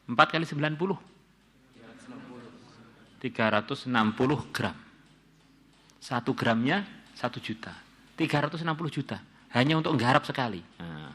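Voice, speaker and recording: Guy preaching, super bright sharp voice, swings between loud and hushed. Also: on the high side. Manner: reads Arabic text then translates it phrase by phrase; storytelling with sudden loud rises and quiet drops. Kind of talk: afternoon religious study sermon.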